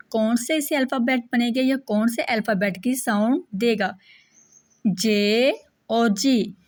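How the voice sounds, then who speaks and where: A woman with an Urdu-speaking Pakistani accent teaching children the alphabet, repeating each letter's sound and asking and then answering her own questions. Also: on the high side.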